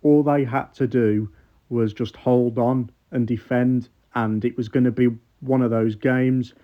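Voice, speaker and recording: A man's voice: medium pitch, fairly even intonation, measured pace, highs cut off. A man, a football fan, talking about a match in an upbeat, direct way. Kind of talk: casual fan commentary.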